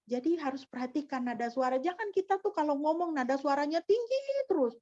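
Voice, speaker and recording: A woman's voice: high voice, lively intonation, brisk, mellow, dry recording, dull audio. A woman pastor delivering a sermon in a teaching manner, often asking rhetorical questions of the congregation. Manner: didactic, with frequent rhetorical questions.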